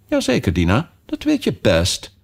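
Man doing a chatty little girl, storybook voice, playful scolding, husky tone, lively swings. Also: deep voice, moderate pace, full character voice. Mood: playfully scolding. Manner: scolding, motherly chatter to a kitten. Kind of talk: storybook character voice.

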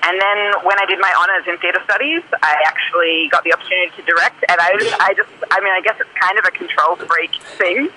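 A woman's voice: lowish voice, fairly even intonation, quick pace, few pauses, sharp tone, slight background noise, low-quality recording. A woman in her thirties with an Australian accent, a theatre director chatting as a guest, laughing often between thoughts. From New South Wales, Australia. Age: 30s. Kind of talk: casual interview over the phone. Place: car rental shop at a train station.

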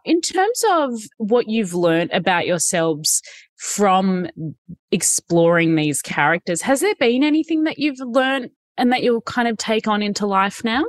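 A woman's voice: fairly high pitch, no echo. A woman in her thirties interviewing actors in a casual, effusive and emphatic way. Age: 30s.

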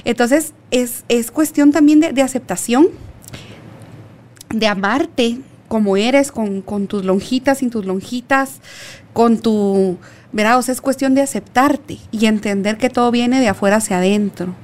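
Lively storytelling woman guest. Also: fairly high pitch, unhurried. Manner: animated storytelling, many fillers. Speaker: podcast guest, teacher and storyteller. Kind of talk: conversational interview.

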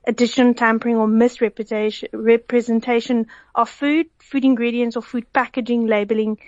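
A South African woman who researches food fraud is a guest on a radio phone interview, explaining at length with restarts and frequent giggling. Her voice is a little high and darkish, level in tone at normal speed, on a dry recording over a dull phone line.

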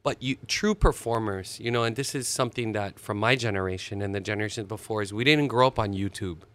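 Bright-voiced man telling stories. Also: on the low side, fast talker. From Hawaii. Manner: animated, expressive storyteller with sudden laughs. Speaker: musician guest. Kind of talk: casual storytelling interview.

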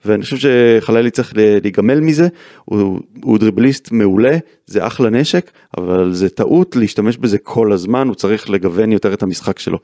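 A man's voice: fairly low pitch, dark tone, no echo. Man citing football stats, dry sound. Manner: detailed, stat-citing, emphatic. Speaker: football pundit. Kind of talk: casual football analysis chat.

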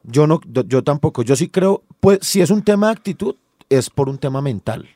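A man's voice: a little high, lively intonation, moderate pace, dark tone, dry recording, clean studio sound. A man co-hosting a sports talk show, explaining things at length with slangy asides. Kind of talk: casual football debate.

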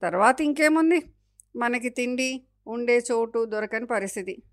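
A woman's voice: a little high, moderate pace, close to an everyday voice. A woman voicing the forest as a caring, motherly spirit in a storybook tale, explaining things patiently. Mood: telling. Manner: explaining patiently, sometimes angry.

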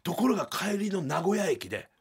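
A middle-aged man hosting a podcast from a small radio studio, telling a comedy story and acting out the people in it with loud, shouted bursts. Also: very animated, fairly quick, vocal fry, husky. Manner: acts out quoted shouting with big pitch jumps. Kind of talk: animated storytelling.

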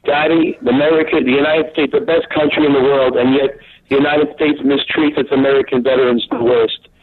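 A man's voice: medium pitch, steady tone, fairly quick. A man calling in by phone on speaker, his voice echoing through a second device; he rambles and corrects his own words. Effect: echoing speakerphone call heard through a second device. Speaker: caller. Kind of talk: call-in question on radio. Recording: tinny phone line with echo.

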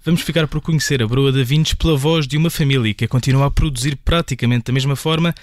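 Man, radio reporter, measured, dry studio. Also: mid-range voice, steady tone, dry recording. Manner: measured, reads narration.

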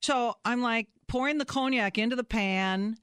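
A middle-aged woman telling lively, self-mocking stories in casual chat, acting out her own shouts. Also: a little high, moderate pace, clean tone, no echo, clean studio sound.

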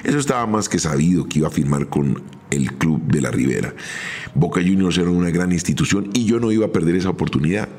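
Deep-voiced Colombian man recounting his past. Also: animated, darkish tone. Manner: measured, recounting step by step. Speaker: former footballer telling his career story. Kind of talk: first-person podcast storytelling.

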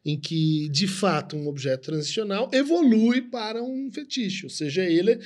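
A man co-hosts a conversation, explaining concepts in a lecturing way and often tagging sentences with a questioning "né?" meaning "right?". His voice sits high, expressive, at a moderate pace.

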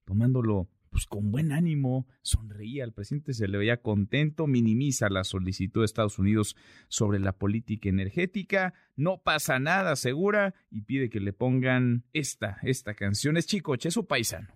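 A man's voice: medium pitch, animated, moderate pace, no room sound, clean studio sound. A man with a Mexican accent hosting a radio news show, fluent and chatty with his guest. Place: radio studio.

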